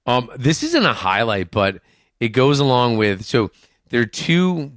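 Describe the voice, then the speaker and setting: A man's voice: medium pitch, sing-song, a little slow, fairly bright tone, no room sound, studio quality. A middle-aged man, a podcast guest and author, telling frank, self-mocking stories in casual conversation, swearing now and then. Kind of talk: candid conversational storytelling.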